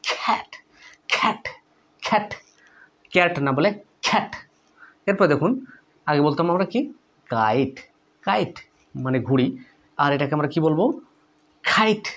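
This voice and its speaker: A man with a Bangladeshi Bengali accent teaching English pronunciation, who repeats example words several times with stress and asks the viewer questions. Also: fairly high pitch. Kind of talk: lesson.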